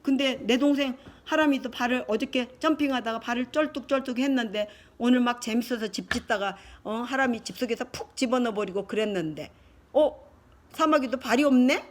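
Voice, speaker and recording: An older woman, a grandmother, reading a picture book to her grandchild, lively and chatty with little asides. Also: a little high, brisk. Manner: animated, shifting into character voices and asides.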